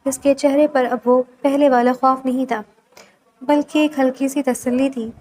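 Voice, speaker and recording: High-voiced woman narrating a romance novel. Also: rough recording. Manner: calm, measured storytelling.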